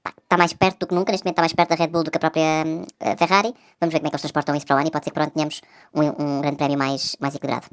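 Sped-up chipmunk voice message: a chatty Portuguese man, very fast and monotone. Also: fairly high pitch. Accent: European Portuguese. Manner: chatty, wry, many fillers. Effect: sped-up chipmunk voice from a fast-played voice message. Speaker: podcast listener sending a voice message. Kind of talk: casual voice-message race review. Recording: voice message played back fast.

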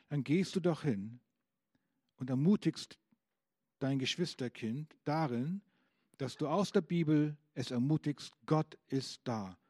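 A man's voice: on the high side, darkish tone, no echo, clean studio sound. A man preaching a sermon, asking the congregation questions and reading out scripture with emphasis.

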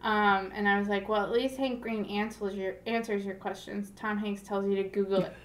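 A woman's voice: mid-range voice, fairly even intonation, moderate pace, roomy sound, a little hiss or hum. A woman from Florida chatting casually as a host, rambling with lots of fillers and restarts. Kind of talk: casual chat.

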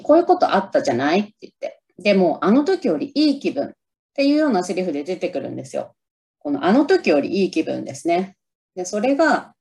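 A woman's voice: on the low side, darkish tone. A Japanese woman casually talking about a favorite film on her own podcast, upbeat and chatty, now and then trying out English lines aloud. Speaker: podcast host. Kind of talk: casual solo movie review talk.

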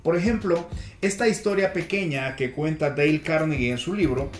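A man's voice: on the high side, moderate pace. A man from Peru hosting a motivational audio course on communication, greeting listeners with emphatic lists of address. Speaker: podcast host and communication coach. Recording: roomy echo with faint music.

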